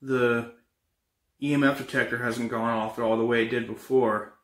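A young man playing an uneasy paranormal investigator in a found footage horror film, talking in a halting, casual, improvised way. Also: mid-range voice, flat delivery, natural voice. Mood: uneasy, matter-of-fact. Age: young adult. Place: indoors, bedroom and kitchen. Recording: echoey room, amateur camera audio.

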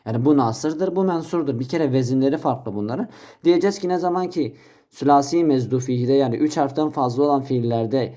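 A man's voice: medium pitch, a little fast, mellow. A man teaching Arabic grammar in a recorded lesson, addressing listeners as brothers and answering his own questions as he explains each step.

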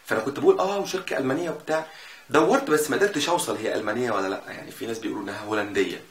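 A man with an Egyptian Arabic accent teaches in a casual, lively way and says each sound again and again to demonstrate it. He talks quickly at a middling pitch. The room echoes around him and there is faint background noise. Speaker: German language teacher. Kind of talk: casual explanatory lesson.

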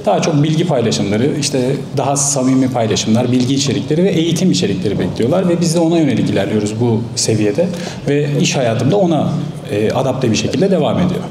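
A male panelist giving a calm, explanatory answer. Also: mid-range voice, fast, noisy background. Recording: echoey hall with crowd.

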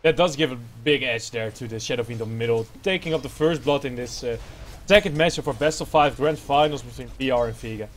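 A man with a Dutch accent giving excitable play-by-play commentary on an esports match. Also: mid-range voice, a little fast, slight background noise. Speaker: esports caster.

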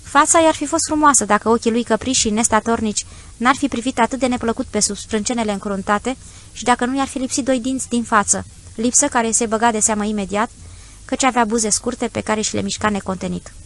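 A woman reading a classic story aloud as an audiobook narrator, measured and descriptive. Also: on the high side, a bit bright. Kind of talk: scripted literary narration.

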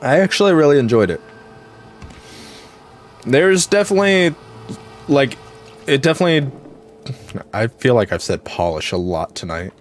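A man's voice: medium pitch, very animated, moderate pace, pauses often. A man streaming a video game at home, chatting casually and rambling with lots of "like" and "um". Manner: chatty and rambling, many fillers like "like" and "um". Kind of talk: casual gameplay commentary.

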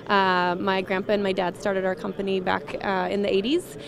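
A young woman auctioneer speaking in an interview and breaking into rapid auctioneer patter. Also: medium pitch, level tone, creaky. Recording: busy sale crowd behind.

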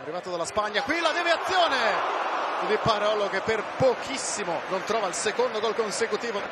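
A man giving excitable live television football commentary, rising toward shouts at key moments. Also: high voice, fast. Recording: loud stadium crowd noise behind. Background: roaring stadium crowd.

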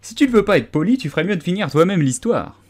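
A man voicing a sleepy male dormouse in a storybook, with a faint, hoarse voice and a slow, drawn-out way of talking. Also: high-pitched, big pitch swings, darkish tone, pitched above the performer's own voice. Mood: huffy. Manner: drowsy, drawn-out.

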